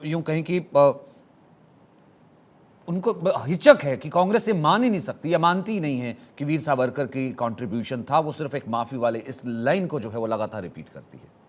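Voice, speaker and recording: News debate anchor guy, a bit high-pitched, firm, jumps in to keep panelists in line. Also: lively intonation, moderate pace. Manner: firm, interrupts to keep order.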